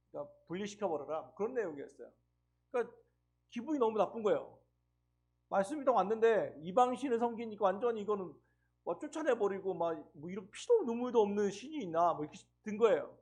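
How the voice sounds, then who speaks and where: A middle-aged man preaching a sermon as pastor, telling stories and acting out quotes with lively emphasis. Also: high-pitched, breathy edge. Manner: storytelling with acted quotes, animated.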